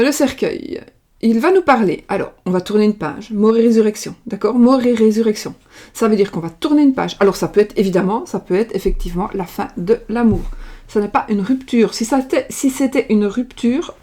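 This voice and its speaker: A middle-aged woman from France lays out cards and talks through a casual reading. Her voice is mellow and soft, never sharp. She rambles, circles back and trips over her words with plenty of fillers. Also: mid-range voice, moderate pace. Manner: rambling, many fillers and restarts. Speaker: tarot card reader. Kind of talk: casual card-reading livestream. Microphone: webcam or desk mic, video call style.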